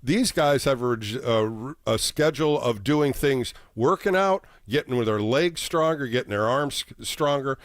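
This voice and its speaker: A man's voice: medium pitch, animated, normal speed, few pauses, dry recording. Sports radio host, a dry-sounding man. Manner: conversational, addresses callers by name. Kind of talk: casual live sports talk.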